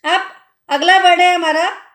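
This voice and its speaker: A woman's voice: very high-pitched, fairly even intonation, a bit bright. A woman Hindi teacher giving a children's lesson, drawing words out syllable by syllable and patiently explaining, asking the viewer questions as she goes. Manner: drawn-out syllable-by-syllable pronunciation of words. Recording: echoey room.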